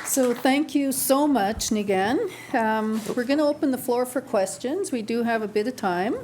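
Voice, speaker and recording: A woman's voice: fairly high pitch, normal speed, noisy background. A woman hosting an event, politely opening the floor for questions and guiding callers. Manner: polite, procedural. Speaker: event host and moderator.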